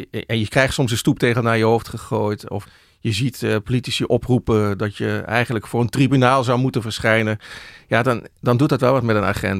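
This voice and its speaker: A middle-aged male journalist explaining things in conversation, thoughtful and often pausing with hesitations and restarts. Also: medium pitch, vocal fry, dry recording, clean studio sound. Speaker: journalist guest.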